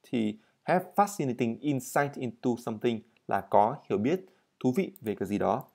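A man's voice: mid-range voice, sing-song, gravelly, mellow. Man teaching English pronunciation. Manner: models English words slowly, then explains quickly. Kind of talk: vocabulary and pronunciation lesson.

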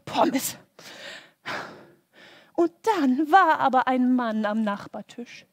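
A woman presents a kids' church hour, telling a story with bouncy sound effects. Her voice is very high and swoops widely, and her pace is slow and deliberate. The recording is dry and close. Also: animated, dry recording. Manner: playful, full of sound effects. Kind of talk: animated children's story with movements.

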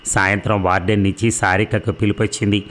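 A man reading a serialized novel aloud in an even, steady storytelling voice. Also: fairly low pitch, fairly quick. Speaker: narrator.

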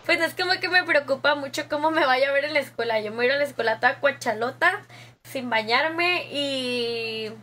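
A woman's voice: sits high, quick pace, hardly any pauses, pushed and bright. A young woman with a Mexican accent, chatting casually with viewers on a gaming stream, slangy and laughing often. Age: young adult. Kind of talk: casual live-stream chat reading viewer comments.

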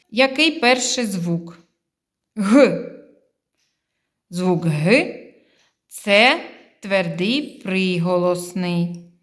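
Slow, deliberate woman teaching phonics. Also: mid-range voice, roomy sound. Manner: slow, deliberate, sounding out syllables and sounds. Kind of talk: phonics lesson for young children.

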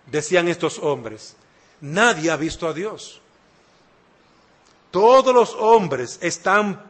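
A man's voice: high voice, a bit bright. A man preaching a sermon, emphatic and repeating key phrases, speaking straight to the listener. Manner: addresses listener directly.

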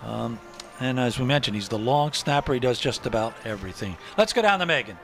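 A man's voice: mid-range voice, animated, fairly quick, fairly bright tone. A man calling a college football postgame show from the broadcast booth, upbeat and promotional. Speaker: play-by-play announcer. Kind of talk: sports broadcast commentary. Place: press box booth. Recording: broadcast with music bed behind.

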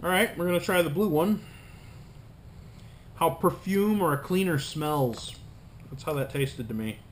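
Man eating sour candy, higher-pitched voice. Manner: eating sour candy while reviewing, hesitant pauses between tastes. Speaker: candy reviewer, video host. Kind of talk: casual review vlog. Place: small room at home. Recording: room noise, home camera recording.

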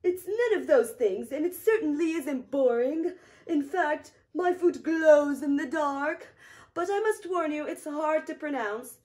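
A woman's voice: high-pitched, animated, measured pace, a little mellow, voice pushed up. A woman voicing a proud whale in a storybook, speaking in a grand, showy way.

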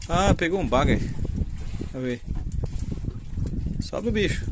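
A man's chatty, upbeat voice, a touch high for a man, talking to his viewers from a fishing boat at sea. Heavy wind and engine noise press in from all around the phone mic. He keeps up an easy running commentary. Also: animated, takes it slowly. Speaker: fishing vlogger filming from a boat. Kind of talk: casual narration to camera. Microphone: handheld phone camera.

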